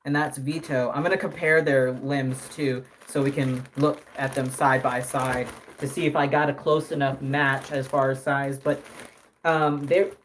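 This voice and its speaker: A man's voice: mid-range voice, little pitch movement, measured pace, a bit bright, slight background noise. A man in his early twenties chatting casually on a live stream, rambling with many fillers and self-corrections. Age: early 20s. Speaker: live streamer and doll artist.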